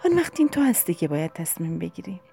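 A gentle, wistful old aunt speaks in a low, gravelly, mellow voice, as a woman narrator puts her on. Her words come soft and measured, tender with quiet regret. Faint music runs under the storybook reading. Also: big pitch swings.

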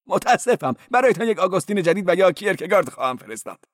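A man's voice: high voice, big pitch swings, no room sound, clean studio sound, pitched above the performer's own voice. A man voicing a meddlesome male church porter who giggles, gushes and lectures in a sly way. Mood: preachy, effusive.

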